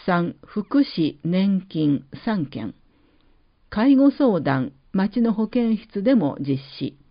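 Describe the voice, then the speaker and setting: A woman announcer reading public-service notices, with slow, measured, carefully enunciated list reading. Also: mid-range voice, sing-song. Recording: dull lo-fi recording.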